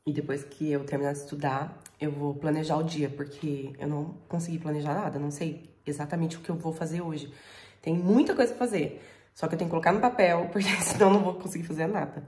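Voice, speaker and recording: A vlogger and mother chats casually to camera, affectionate and laughing often, filmed in her car and at home. Her voice is deep, steady in tone, fast and a little mellow.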